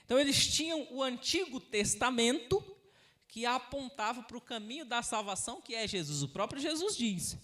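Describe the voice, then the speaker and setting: A man preaching a sermon in an animated way, acting out Bible figures and swinging from loud to quiet. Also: very high voice, normal speed.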